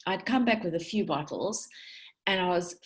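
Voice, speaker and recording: A woman's voice: lowish voice, animated, moderate pace. A woman in her forties from South Africa, giving a chatty, rambling talk to her team about essential oils, full of tangents and restarts. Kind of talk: casual talk to an online group.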